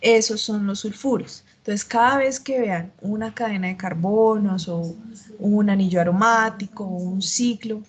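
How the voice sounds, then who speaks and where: Teaching chemistry online over a video call with her computer mic, a woman explains things patiently, with many filler sounds, even though she has a slight cough and a sore throat. Her voice is mid-range and her pace measured.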